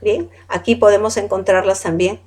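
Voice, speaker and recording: A woman's voice: mid-range voice, steady tone, moderate pace, darkish tone, breathy edge. A woman teaching a class, reading out long lists of words one by one, correcting how they are said and asking the students questions. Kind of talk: classroom lecture.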